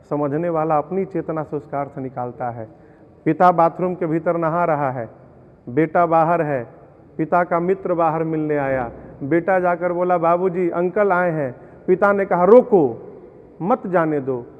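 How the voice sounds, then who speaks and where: High-pitched guy telling scripture stories, sings bits of verse, sounds tinny and echoey like through a phone in a big hall. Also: a little slow. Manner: explains scripture with verses and parables. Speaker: Ramayana storyteller. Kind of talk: devotional discourse with sung verses.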